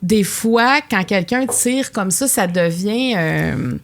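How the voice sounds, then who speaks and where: A woman's voice: mid-range voice, expressive, slow pace. A woman hosting an intimate interview, speaking in a reflective, empathetic way. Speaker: host.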